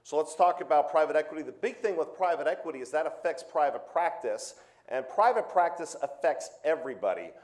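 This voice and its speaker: A man's voice: fairly high pitch, expressive, a little fast, a little mellow. A man, an orthopaedic surgeon giving a conversational, emphatic conference lecture that stresses key words by repeating them.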